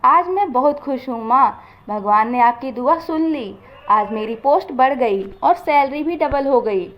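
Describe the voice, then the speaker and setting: A woman voicing a humble, hardworking young secretary who speaks softly and earnestly, in a dull lo-fi recording. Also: high-pitched, animated, unhurried. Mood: happy.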